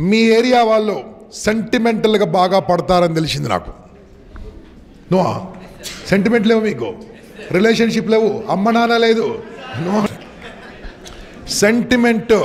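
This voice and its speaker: Brief: high-pitched male motivational speaker, commanding and rousing, long hall reverb. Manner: commanding, rousing, mixing English into Telugu. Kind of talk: motivational seminar talk to students.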